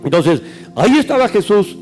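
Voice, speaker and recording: A middle-aged pastor, preaching a sermon that swells loud and drops to hushed phrases. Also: male voice, high-pitched, very animated, normal speed, soft background music. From Peru.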